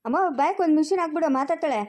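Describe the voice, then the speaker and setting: A woman's voice: sits high, racing, a little mellow, natural voice. A woman playing a playful grown son who teases and cheers others up, in a home-made family skit. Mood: teasing. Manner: teasing, cheerful.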